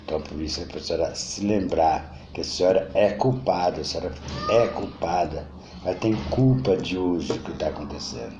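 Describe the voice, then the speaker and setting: A man voicing a grown son, just convicted, who bitterly blames his mother in a lower, quieter voice. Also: normal speed, background noise. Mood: bitter accusing. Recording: dull roomy recording.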